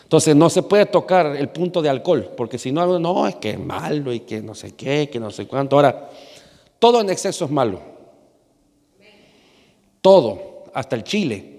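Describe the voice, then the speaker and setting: A man's voice: fairly high pitch, very animated, normal speed, long pauses, darkish tone, in a large hall. A man from Argentina, a pastor, giving a conversational sermon, often asking his congregation questions and hesitating with fillers.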